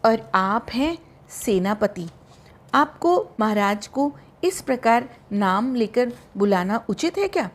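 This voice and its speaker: A woman's voice: fairly high pitch, very animated, slow, exaggerated voice. A woman reading the lines of a boy who plays a royal minister, in a mock-formal, scolding way.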